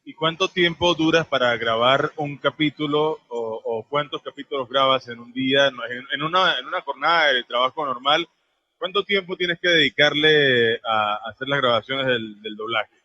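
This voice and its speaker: A man's voice: mid-range voice, normal speed, bright, forceful tone, dull audio. A man hosting a radio interview, asking long, wordy questions full of fillers. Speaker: radio show host.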